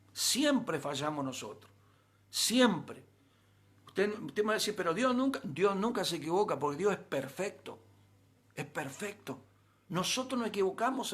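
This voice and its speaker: A man's voice: high voice, a bit bright. A man with a Rioplatense Spanish accent, preaching a sermon as pastor, with rising emphasis and rhetorical questions.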